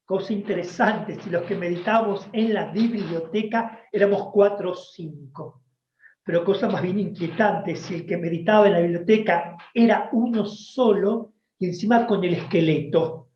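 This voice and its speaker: A man from Argentina with an Argentine accent, an oral storyteller telling a tale at a public talk with deliberate pauses and emphasis. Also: sits high, roomy sound, highs cut off, a little hiss or hum. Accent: Argentine Spanish.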